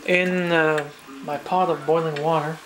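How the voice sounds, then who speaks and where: A man's voice: fairly high pitch, measured pace, background noise. Rambling man from New cooking. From New Brunswick, Canada. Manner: relaxed, rambling, many fillers and restarts. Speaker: home cook. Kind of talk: casual cooking vlog. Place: home kitchen. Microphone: handheld camera.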